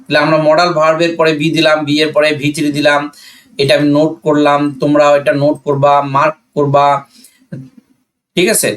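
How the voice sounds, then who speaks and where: Delivered in a completely flat tone and a little fast, this grammar explanation comes from a Bangladeshi-accented man with a slightly high voice, captured on a rough recording. He teaches methodically, classroom-style, asking and answering his own questions and repeating phrases to stress key points.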